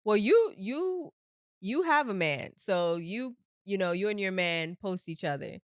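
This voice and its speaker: A woman co-hosting a casual podcast chat, emphatic and slangy with quick affirmations. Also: medium pitch, expressive, dry recording, clean studio sound.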